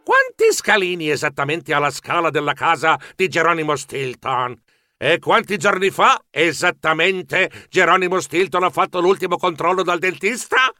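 A man's voice: fairly high pitch, big pitch swings, pushed and bright, dry recording, clean studio sound, faint music behind, full character voice. A man voicing a sly, boastful male pirate cat in a storybook, talking in a smug, mocking way. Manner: smug, mocking, rapid-fire questioning.

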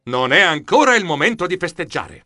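A man narrating a children's storybook in a lively, expressive manner. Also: fairly high pitch, fairly quick, over music. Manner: expressive, animated. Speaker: audiobook narrator.

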